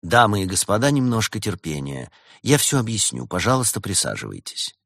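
A man voicing a clever male fox detective in a storybook reading, teasing and measured as he explains. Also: fairly low pitch, very animated, creaky, fairly bright tone, dry recording, studio quality, exaggerated voice. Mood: playful.

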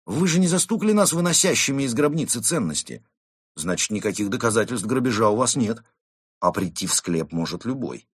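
A man's voice: mid-range voice, very animated, brisk, husky, dry recording, clean studio sound, voice pushed up. A man voicing a cheeky male tomcat suspect who argues in a glib, mock-innocent way.

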